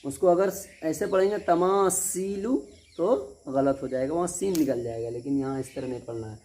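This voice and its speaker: A man's voice: medium pitch, mellow. A man teaching a Quran reading lesson step by step, repeating each point and often checking that the students understood. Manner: patient, repetitive, keeps asking if students understood; stretches out syllables slowly when demonstrating.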